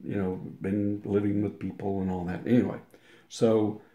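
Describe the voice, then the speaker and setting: Here the same older guest's voice sits on the low side, level and mellow, at normal speed. He keeps rambling through his long personal story, restarting sentences and performing the quotes, and the room echo remains.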